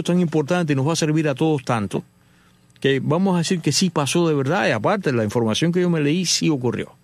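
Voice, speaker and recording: A middle-aged man from Cuba, hosting and telling a story in an animated way, acting out the dialogue. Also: mid-range voice, no room sound. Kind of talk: casual storytelling monologue.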